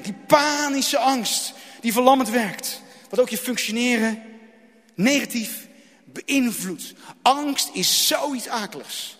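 A man with a strikingly high voice delivers a dramatic sermon. He repeats key phrases and swings from loud, driving lines to hushed ones. His words ring out with a long reverb, as if spoken in a large hall. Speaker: preacher.

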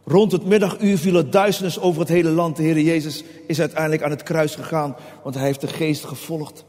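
Man, preacher, sermon, high voice, impassioned, reverberant hall. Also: fairly even intonation, fairly quick, darkish tone. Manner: impassioned, acts out prayers in a raised pleading voice.

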